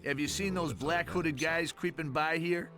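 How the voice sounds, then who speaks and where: An actor voicing a superstitious former seafarer in a video game, confiding uneasily like a gossip. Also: male voice, a little high, fairly even intonation, unhurried, over music, natural voice. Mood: uneasy, confiding. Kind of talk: video game dialogue acting.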